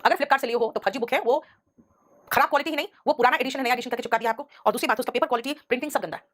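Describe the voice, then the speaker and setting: Middle-aged woman teacher, live online class, fast and a touch high, repeats rules, scolds in asides. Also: a bit bright. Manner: addresses students as beta, scolding asides; repeats rules, mixes Hindi with English examples. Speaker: English grammar teacher.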